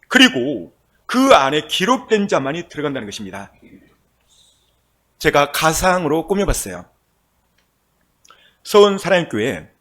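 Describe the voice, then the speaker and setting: A man pastor delivering a sermon, telling a story with animated delivery and addressing the congregation. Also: fairly high pitch.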